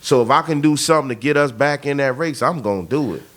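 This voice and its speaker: A man's voice: mid-range voice, fast talker. A man in his thirties, talking bluntly and emphatically in a casual conversation. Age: 30s. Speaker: podcast host.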